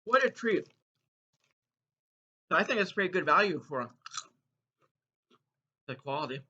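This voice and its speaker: This taste-test host has a fairly high, pushed and bright voice with a breathy edge and big pitch swings, speaking unhurriedly. He playfully announces verdicts to viewers while munching chips, and the lo-fi audio comes across dull and muffled.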